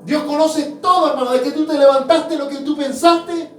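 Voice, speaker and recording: A man preaching a sermon to his congregation, fervent and shifting between loud appeals and hushed asides. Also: extremely high pitch, steady tone, normal speed. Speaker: apostle preaching. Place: church hall. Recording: roomy church sound from a distant mic with faint music.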